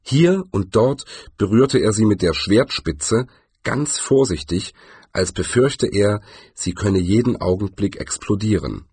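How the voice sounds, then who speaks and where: Husky, expressive male storyteller. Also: lowish voice, measured pace, no room sound. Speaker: audiobook narrator. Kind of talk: scripted narration.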